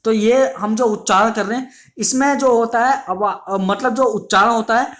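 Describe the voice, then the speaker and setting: A man's voice: very high-pitched, normal speed, fairly bright tone. Male teacher drilling a grammar lesson. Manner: asks a question, then answers it himself; addresses students as "my dear children". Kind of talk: exam-prep grammar lesson.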